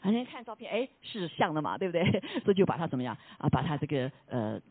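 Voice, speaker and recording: A preacher giving a casual sermon, asking the listeners questions, dropping English words into the talk and tagging lines with a soft "ha". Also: mid-range voice, sing-song, fast. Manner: asks the listeners rhetorical questions; mixes English words into Chinese speech. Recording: tinny phone-like line, dry.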